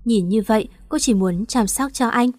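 A woman's voice: fairly high pitch, moderate pace, a little mellow, no echo, studio quality. A woman narrating a romance story in an emotive storytelling manner.

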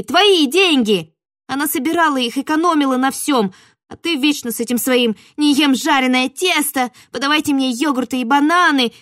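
A woman voicing a naive, flustered young sister in an audiobook, high and heated. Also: fairly bright tone, no room sound, clean studio sound. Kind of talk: audiobook character voice.

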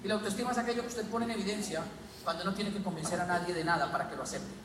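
A man giving an animated motivational seminar talk full of stories and jokes to a live audience. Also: high-pitched, very fast. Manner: animated, storytelling, jokes with the crowd. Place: large hall with an audience. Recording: echoey hall, distant mic, crowd and noise.

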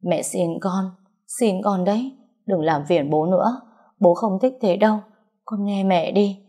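A woman voicing a grieving middle-aged mother who gently pleads with her daughter in an audiobook story. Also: medium pitch, moderate pace, husky. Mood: pleading. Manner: pleading, tearful.

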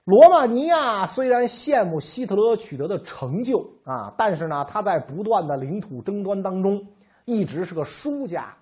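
A man's voice: high voice, expressive, moderate pace, breathy edge. A man telling history in a colloquial, joking storyteller style. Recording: slightly dull lo-fi recording.

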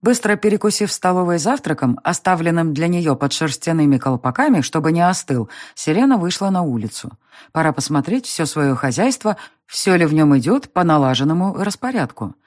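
A woman reads a fantasy audiobook aloud, measured and expressive. Her intonation rises and falls in a lively way through the telling. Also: sits low, no echo, studio quality. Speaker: audiobook narrator. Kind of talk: scripted narration.

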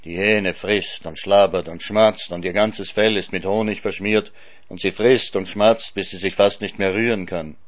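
A man narrating a novel as an audiobook, in a lively storytelling manner. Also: deep voice, moderate pace. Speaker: audiobook reader.

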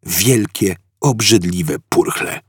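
A man reading an audiobook in an expressive, animated style. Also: low voice, slow, breathy edge, no room sound. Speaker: audiobook narrator. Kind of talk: audiobook narration.

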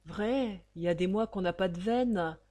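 A woman's voice: mid-range voice, normal speed, warm tone, natural voice. Woman voicing a starving old male prisoner's lament. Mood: plaintive. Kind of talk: reciting verse.

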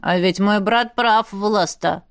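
A woman's voice: medium pitch, takes it slowly, clean tone, dry recording, clean studio sound. A woman voicing a sly, teasing male wolf familiar in a fantasy audiobook. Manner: mocking, cheeky.

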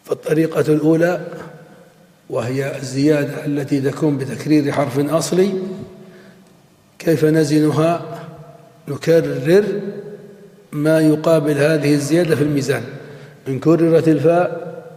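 A man's voice: on the high side, steady tone, moderate pace, pauses often, dark tone. A man teaching a grammar class as a sheikh, explaining step by step and answering his own questions. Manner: methodical, poses questions and answers them himself. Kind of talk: classroom lecture. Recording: echoey hall with long reverb.

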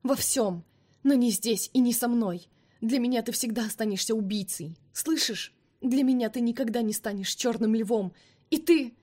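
A woman voicing a hot-tempered young vampire woman in an audiobook, pitched up and emotional. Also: moderate pace, dark tone, close to an everyday voice. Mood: angry. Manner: raised, emotional pleading.

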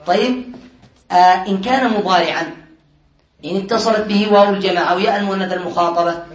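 A man's voice: high-pitched, fast. A man teaching a classroom lesson, explaining step by step, quizzing his students and often chuckling as he goes. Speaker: teacher of Arabic morphology. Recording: echoey room.

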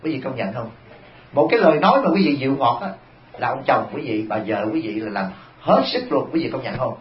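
A man's voice: mid-range voice, fairly quick. A man, a Buddhist monk giving a dharma talk, telling humorous stories and addressing the congregation. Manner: humorous, animated storytelling to the congregation. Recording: echoey, dull lo-fi hall.

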